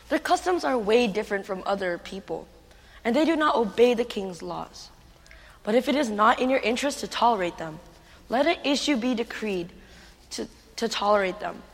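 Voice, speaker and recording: A woman playing a scheming, flattering male royal official in an amateur stage play, persuasive in tone. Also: on the high side. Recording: long hall reverb.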